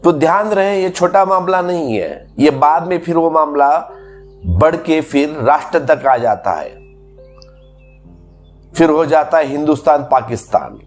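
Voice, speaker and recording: A man's voice: fairly high pitch, animated, measured pace, faint music behind. A man giving a spiritual discourse as a teacher, explaining patiently through repeated everyday examples.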